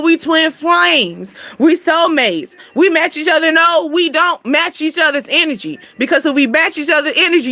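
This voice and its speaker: A woman's voice: high voice, bright, forceful tone, dry recording. A woman hosting a casual card reading for viewers, slangy, blunt and playful, laughing often. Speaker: spiritual card reader and channel host.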